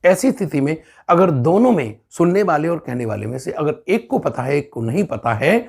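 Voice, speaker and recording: A man with an Indian accent giving a spoken English grammar lesson, explaining step by step and repeating example sentences slowly. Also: a little high, expressive, creaky, a little mellow, breathy edge. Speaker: English teacher.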